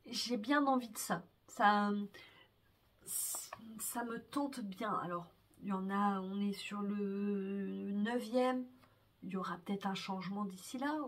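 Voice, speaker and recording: Breathy, slow-talking woman podcast host. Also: medium pitch, recorded from a distance. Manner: gushing, hesitant, with soft whispered exclamations. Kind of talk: casual show-and-tell chat.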